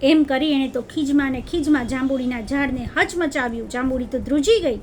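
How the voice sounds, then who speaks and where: A woman narrating a children's story in an expressive, lively way. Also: high-pitched, brisk, slight background noise.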